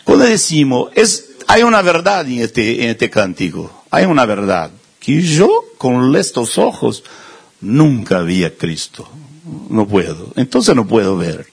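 Male preacher, lively husky delivery, conversational sermon. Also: mid-range voice, measured pace. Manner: conversational, self-deprecating humor, acts out quoted voices.

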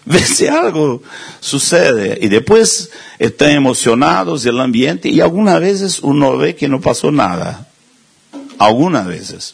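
Male preacher, lively husky delivery, conversational sermon. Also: fairly high pitch. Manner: conversational, self-deprecating humor, acts out quoted voices.

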